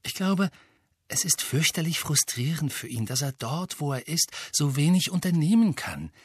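A man's voice: fairly high pitch, very animated, moderate pace, husky, pitched above the performer's own voice. A man voicing a worried, thoughtful teenage schoolgirl who picks her words carefully, in an audiobook. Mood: hesitant. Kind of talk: audiobook character voice.

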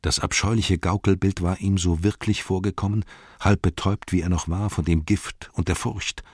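Male audiobook narrator, very low, husky, measured storytelling. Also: fairly even intonation, no echo, clean studio sound. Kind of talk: scripted narration.

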